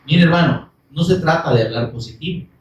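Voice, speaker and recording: A high-pitched man preaching with lively swings from loud calls to soft asides. He acts out the grumbling of his listeners, and his voice comes from a distance in a roomy, echoing space. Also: brisk. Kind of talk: sermon.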